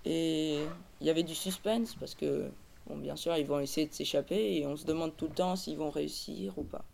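Male book columnist, strongly gravelly and fairly high voice, hesitant reader with frequent fillers. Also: steady tone, moderate pace, darkish tone, slight background noise. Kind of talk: book review with read-aloud excerpt.

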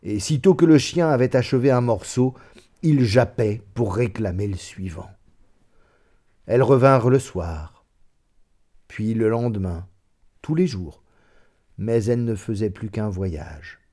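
Low, dark-voiced man reading a story. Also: unhurried, long pauses. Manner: expressive, voices the characters. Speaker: reader. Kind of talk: storybook narration.

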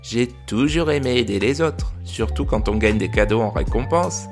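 A man's voice: medium pitch, expressive, normal speed, over music, lightly acted. A man voicing a friendly zebra telling a childhood story in a children's audio tale. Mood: cheerful.

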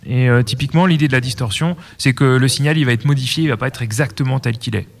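A man's voice: mid-range voice, quick pace, vocal fry. A man co-hosting a casual live radio show, explaining audio effects with many hesitations and fillers.

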